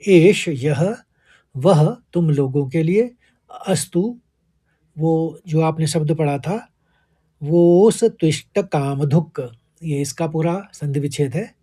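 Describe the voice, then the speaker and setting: A man with a fairly high voice gives a recitation lesson, his delivery slow and unhurried. He chants the verse loudly and drawn-out, then breaks it into syllables with patient, careful coaching. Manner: chants the Sanskrit verse slowly and louder. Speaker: Gita teacher. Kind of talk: recitation lesson with word-by-word explanation.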